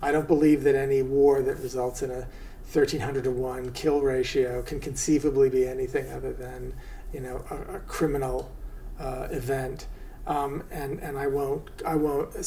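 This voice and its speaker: A man's voice: medium pitch, little pitch movement, moderate pace, mellow, slight background noise, low-quality recording. A man giving a documentary interview, blunt and indignant, with many restarts and fillers.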